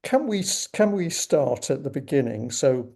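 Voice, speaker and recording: A middle-aged man hosts a conversational interview with courteous, measured formality. His voice is dark and mellow, with a husky edge and some gravelly fry. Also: fairly high pitch, big pitch swings. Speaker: interview host.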